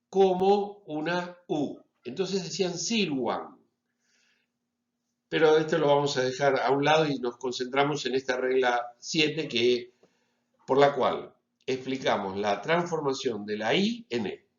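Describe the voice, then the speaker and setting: A man giving a lecture as a teacher, deliberately stressing each example word. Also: a little high. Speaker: Latin teacher. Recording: roomy, slightly dull recording.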